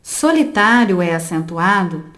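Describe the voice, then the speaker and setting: A woman reading a grammar lesson aloud for an audiobook, slowly and carefully, spelling out each example word by word. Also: on the low side, lively intonation, a bit bright. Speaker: volunteer reader of an audiobook lesson.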